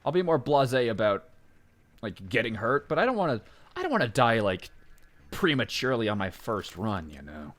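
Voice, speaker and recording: A man casually commenting on his gameplay in a rambling way, full of fillers and self-interruptions, jumping up in pitch when excited. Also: normal speed, a little hiss or hum. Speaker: let's play gamer.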